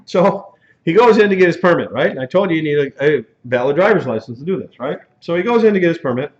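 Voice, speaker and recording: A man's voice: on the high side, lively intonation, quick pace. Chatty male truck driving instructor. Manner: conversational, tells cautionary stories, acts out dialogues. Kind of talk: classroom lecture. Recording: dull lo-fi classroom recording.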